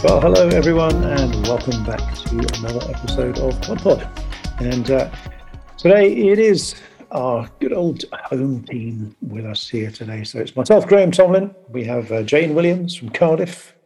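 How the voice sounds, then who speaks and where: A man hosting a podcast over a video call, talking casually and haltingly with many pauses. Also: medium pitch, animated, gravelly, warm tone, soft background music. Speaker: podcast host.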